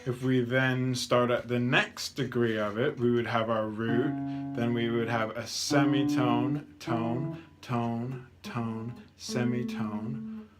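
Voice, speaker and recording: Slow-talking man teaching guitar. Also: mid-range voice, steady tone. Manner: patient, counts out scale steps aloud. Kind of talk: guitar lesson. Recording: guitar playing between lines.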